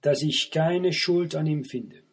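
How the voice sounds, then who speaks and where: A wary Roman governor, read by a husky man. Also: a little high, slow pace, exaggerated voice. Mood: questioning.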